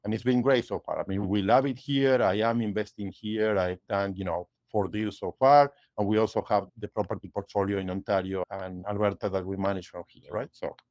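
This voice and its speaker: A man, a guest in a casual interview, explaining things step by step in a measured way with many fillers. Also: fairly low pitch, fairly even intonation, a little mellow, no room sound. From Argentina. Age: 50s. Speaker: guest, realtor and investor.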